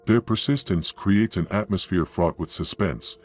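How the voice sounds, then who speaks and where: Male narrator, deep voice, grave nature-documentary storytelling with suspense, faint music underneath. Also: normal speed. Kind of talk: dramatic scripted narration of security footage.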